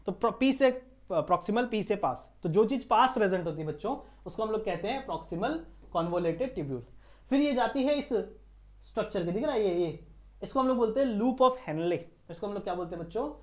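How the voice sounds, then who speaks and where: A man's voice: high voice, expressive, fast talker, a little mellow. Indian male tutor, casual lecture style, keeps quizzing the class and answering himself. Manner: quizzes students with repeated questions. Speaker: teacher.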